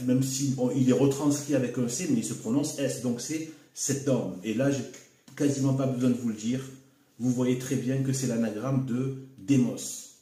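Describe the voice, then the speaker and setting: In this unscripted solo video, a male commentator speaks loosely to camera at medium pitch, his voice mellow and dark. He keeps stalling and repeating himself, slipping in fillers like "hein" and "voilà", while the room rings with echo.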